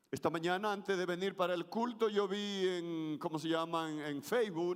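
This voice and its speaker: High-voiced pastor preaching in a hall. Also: male voice. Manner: varies intonation for emphasis, leads congregation in call-and-response. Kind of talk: sermon. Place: church sanctuary. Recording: reverberant church hall.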